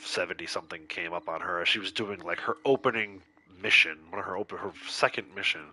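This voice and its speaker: A deep, husky voice, pushed and bright and a little fast, comes through a rough recording of a man streaming a video game. Nasal and stuffed up from a cold, he casually chats with viewers, reading and answering their messages and laughing easily.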